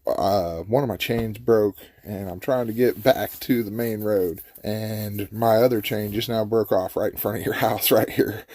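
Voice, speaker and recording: A man's voice: lowish voice, fairly even intonation, measured pace, hardly any pauses, a little mellow. A man voicing an amused, skeptical male ambulance driver in a laid-back, teasing way.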